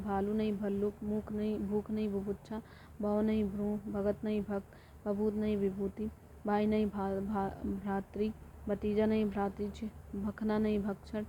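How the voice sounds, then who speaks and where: Flat-voiced woman drilling word lists. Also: medium pitch, moderate pace. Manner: monotone drilling, repeating each word pair. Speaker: teacher. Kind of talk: exam-prep lesson, reading word lists. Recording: dull lo-fi audio with faint noise.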